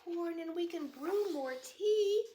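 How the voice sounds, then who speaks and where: A woman's voice: very high-pitched, expressive, takes it slowly, dark tone, slight background noise, voice pushed up, heavily acted. Woman doing a kind little mouse. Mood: soothing. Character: small kind soothing mouse.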